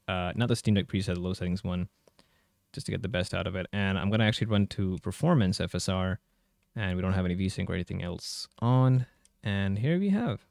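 Male gaming tech host, informal and chatty, gravelly edge, very dry close-miked sound. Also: fairly low pitch, darkish tone, dry recording. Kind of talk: casual gameplay commentary and tutorial.

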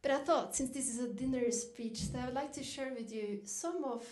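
A woman's voice: high-pitched, moderate pace, darkish tone. A middle-aged woman from Norway, giving a reflective storytelling dinner keynote, lifting her voice when she quotes herself. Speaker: keynote speaker.

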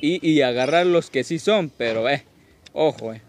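Man, tipsy, slightly high pitch, rambling gameplay commentary, crude jokes, faint background noise. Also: moderate pace. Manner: rambling, crude joking, repeats himself. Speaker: gaming video host.

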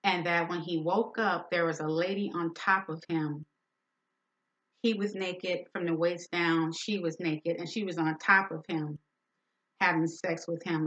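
A woman's voice: lowish voice, fairly bright tone, highs cut off. A woman host candidly retelling a friend's painful story in a personal talk, speaking with emphasis.

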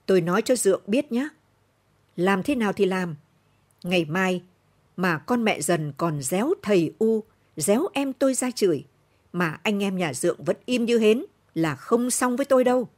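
Shrewish older countrywoman, loud and shrill, husky edge, read by a woman narrator. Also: animated, moderate pace, lightly acted. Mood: scolding. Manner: scolding, shrill, loud outbursts. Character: fierce older peasant woman, shrewish and combative.

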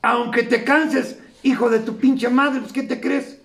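Profane, gravelly Mexican man giving testimony. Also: very high voice, steady tone, measured pace, fairly bright tone, reverberant. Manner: raw, profane, storytelling. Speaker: speaker at a recovery meeting. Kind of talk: emotional testimony.

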